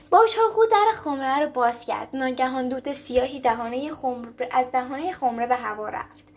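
Brief: woman storyteller, high pitch, steady read-aloud delivery, noisy recording. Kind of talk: reading a children's folk tale. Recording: clear background noise.

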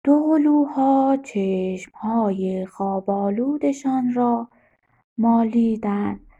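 Gentle higher-voiced woman reading a story. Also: breathy edge, dull audio. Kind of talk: reading a children's story aloud.

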